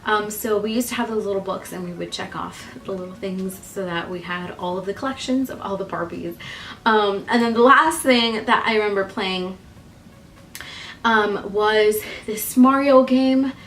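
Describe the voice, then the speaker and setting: A woman's voice: mid-range voice, normal speed, fairly bright tone, recorded from a distance, slight background noise. A woman in her twenties from Guatemala, a YouTuber chatting casually to camera, with lots of ums and little laughs. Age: 20s.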